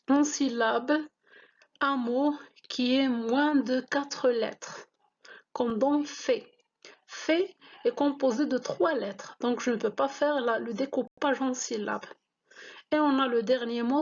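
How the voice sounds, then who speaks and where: A woman whose first language is Moroccan Arabic, teaching French reading, spelling out letters and syllables slowly and deliberately. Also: on the high side, dull audio. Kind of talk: slow classroom-style reading lesson.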